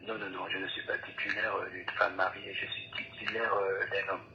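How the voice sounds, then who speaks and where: A young man phones an advice show, hesitant and formal, filling his sentences with ums and sounding close to tears. His voice is fairly low but sharp and tense, heard over a dull phone line with faint hiss. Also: level tone, brisk. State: emotional, near tears. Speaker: caller.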